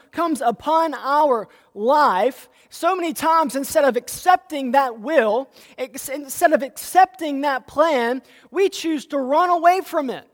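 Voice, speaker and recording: A pastor preaching a sermon, asking the congregation rhetorical questions and often restarting and repeating words. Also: sits high. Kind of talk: sermon with scripture reading. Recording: long hall reverb.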